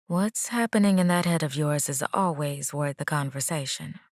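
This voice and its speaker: A woman's voice: low-pitched, normal speed, no echo, studio quality. A woman voicing a nosy young female cousin in an audiobook, with playful, sly teasing.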